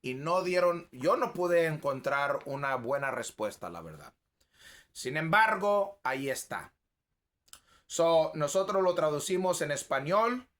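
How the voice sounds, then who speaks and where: Slow, bright-voiced preacher man. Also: a little high, lively intonation. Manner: opinionated, conversational, emphatic. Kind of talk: bible teaching.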